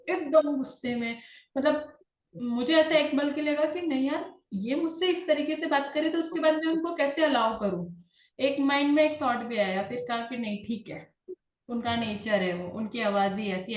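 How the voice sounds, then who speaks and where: A woman telling a personal story to her class in a calm, conversational way. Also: high-pitched, reverberant. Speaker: class leader.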